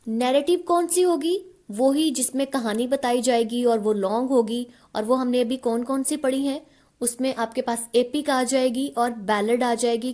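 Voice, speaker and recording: A woman gives a literature lecture in a high, clear voice. She reads each definition slowly and deliberately, then switches to an easy, conversational explanation in Hindi. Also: warm tone. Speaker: English literature teacher. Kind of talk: online lecture mixing Hindi and English.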